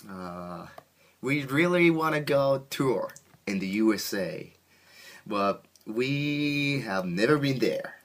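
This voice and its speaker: Answering an interviewer's questions, a Japanese-accented man from Japan who plays in a band uses simple, faltering second-language wording. He speaks at a medium pitch and sounds expressive.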